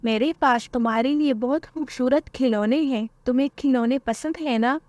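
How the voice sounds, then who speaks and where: A woman voicing a sly male thief who sweet-talks children in a cartoon story, with a coaxing, quick manner. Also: high voice, darkish tone, no room sound, lightly acted.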